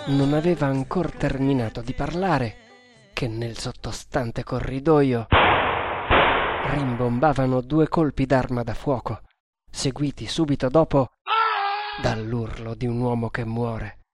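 A man's voice: medium pitch, very noisy. Man narrating an adventure novel. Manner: dramatic, measured reading. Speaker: audiobook narrator. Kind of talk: scripted narration.

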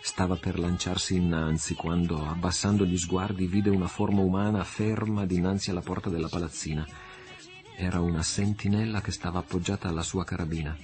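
A man narrating an adventure novel as an audiobook in a steady, measured way. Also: low voice, faint music behind.

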